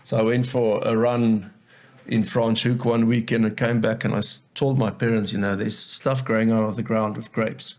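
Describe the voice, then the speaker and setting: Appearing as a guest in a relaxed interview, this agronomist is a South African man with Afrikaans as his first language. He talks earnestly at normal speed, with a fairly low pitch and flat delivery, frequently repeating words as he gathers his thoughts.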